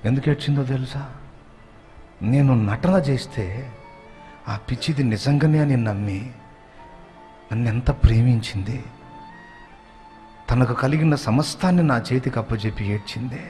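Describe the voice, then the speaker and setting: A male preacher narrating a story in a sermon, building to loud, raised emphasis. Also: normal speed, pauses often, soft background music. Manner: dramatic narration rising to loud, high emphasis.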